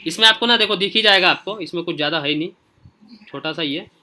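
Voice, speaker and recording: A man's voice: high-pitched, quick pace, bright, forceful tone. A man teaching a class online, talking informally and directly to his students while going through pages and checking in often. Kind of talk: casual screen-share lesson.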